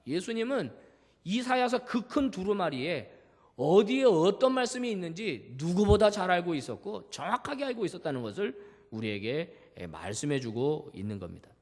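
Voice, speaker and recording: A man's voice: high voice, very animated, moderate pace, darkish tone. A male pastor giving a Sunday sermon, preaching with animation and acting out the voices he quotes. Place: church sanctuary. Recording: reverberant church hall.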